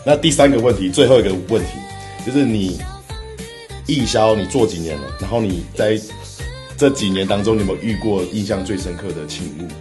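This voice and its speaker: A man's voice: on the low side, fairly quick. A man with a Taiwanese Mandarin accent hosting a casual, joking interview, often repeating and rephrasing his questions. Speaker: host and interviewer, firefighter. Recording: music playing behind the talk.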